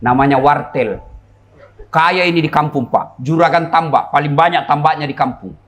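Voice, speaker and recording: A middle-aged man from Indonesia, preaching a humorous sermon before a crowd, acting out characters and shouting punchlines. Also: fairly high pitch, normal speed. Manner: jokey, plays characters and shouts for laughs. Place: large event before a crowd.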